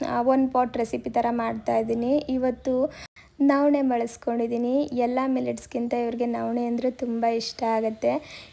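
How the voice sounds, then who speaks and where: A woman's voice: fairly high pitch, vocal fry, dark tone. A young woman, a mother, narrating a casual home vlog and chatting through each step as she goes.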